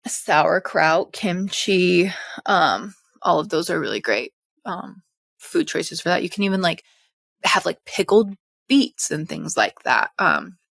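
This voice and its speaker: A young woman in casual educational talk, chatty and animated, a little out of breath, as a hormone health coach. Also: lowish voice, slow, gravelly, no echo. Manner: chatty, animated, full of fillers. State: slightly out of breath.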